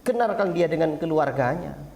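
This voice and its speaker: A man's voice: fairly high pitch, lively intonation, normal speed, gravelly, a little mellow. Male preacher. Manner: acts out parent-child dialogue, asks rhetorical questions. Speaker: Islamic preacher. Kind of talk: religious lesson to parents. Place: small prayer hall.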